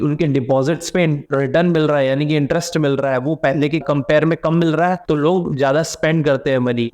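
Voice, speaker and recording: A man's voice: fairly high pitch, darkish tone. A man giving an exam-prep explainer lesson on economics, going step by step, asking and answering his own questions, and mixing in English terms. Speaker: economics educator.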